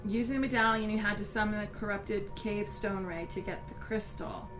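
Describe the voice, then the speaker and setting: A woman's voice: mid-range voice, fairly even intonation, normal speed. A woman giving casual commentary on a game stream, chatting and thinking aloud as she plays. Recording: music behind the voice. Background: game music.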